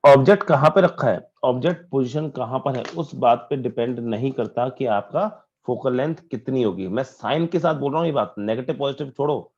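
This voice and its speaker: A man's voice: mid-range voice, normal speed, few pauses, darkish tone, breathy edge, muffled recording. A man teaching a physics class online, asking questions and answering them himself and repeating key points for emphasis. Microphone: video call.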